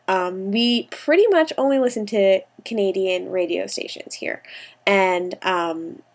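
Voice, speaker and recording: A woman's voice: medium pitch, a little slow. A young American woman in her twenties talking casually to camera in a home video diary, rambling with lots of ums and little laughs. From United States. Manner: chatty, rambling, with frequent ums and small laughs. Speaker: vlogger.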